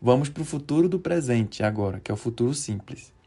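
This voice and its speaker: A man teaching verb conjugations, slow and deliberate, drawing out each form and checking in often with "certo?". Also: medium pitch, expressive, dark tone, husky. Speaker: Portuguese teacher for Spanish speakers. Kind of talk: conjugation lesson.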